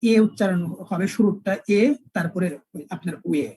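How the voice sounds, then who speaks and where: A male English teacher, lecturing an online class and spelling words out slowly with repeated examples. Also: sits high, dark tone, breathy edge, no room sound, poor audio.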